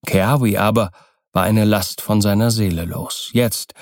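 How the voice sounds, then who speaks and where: A man doing scripted narration of an audiobook in a calm, even storytelling manner. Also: on the low side, measured pace, dry recording, studio quality.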